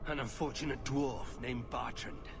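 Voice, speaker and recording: Solemn, measured warrior. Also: male voice, medium pitch, steady tone, over music. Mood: grave, guarded. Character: grave, guarded male Grey Warden warrior. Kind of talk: video game voice acting. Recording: clear background ambience noise.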